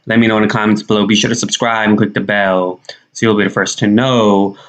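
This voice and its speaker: A man's voice: lowish voice, little pitch movement, a little fast, fairly bright tone. A young man giving casual news commentary to camera in a conversational, slangy way. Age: young adult. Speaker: YouTube commentator. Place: small indoor room.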